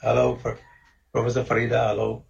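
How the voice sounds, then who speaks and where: On a video call, a Tanzanian professor and panelist chats casually in short, friendly replies, his medium-pitched voice monotone, fast and full of vocal fry. The computer mic gives dull, lo-fi audio with a great deal of noise.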